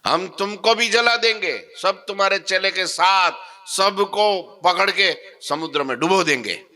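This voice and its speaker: A man acting out a boastful, threatening male sorcerer who makes loud, bragging threats in a sermon story. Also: mid-range voice, measured pace, clean tone, voice pushed up. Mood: menacing. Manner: loud, bragging, menacing, commanding.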